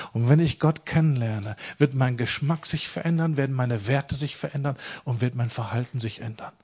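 A man preaching a sermon, swinging between loud emphatic peaks and quiet low passages, and acting out quoted voices. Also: husky. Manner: acts out quoted voices in dialogue.

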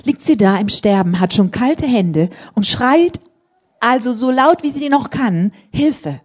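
A woman preaching a sermon in a church service, telling testimonies in an animated, emphatic way and rising to loud appeals. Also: fairly high pitch, a little slow, husky.

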